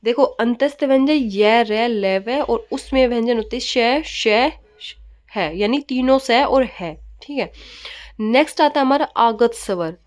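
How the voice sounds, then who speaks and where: High-voiced woman teaching grammar. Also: a little slow, a little mellow. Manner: repeats rhetorical questions and answers them herself; mixes in English words. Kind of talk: classroom grammar lesson.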